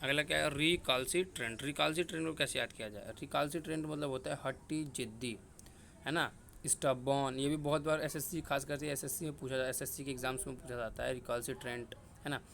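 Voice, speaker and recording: Young male tutor, mid-pitched, repetitive quiz-and-answer delivery, faint background hiss. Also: steady tone, fairly quick, vocal fry, fairly bright tone. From India. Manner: repetitive, drilling words and asking himself questions. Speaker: exam-prep vocabulary teacher. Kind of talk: casual Hindi vocabulary lesson with memory tricks.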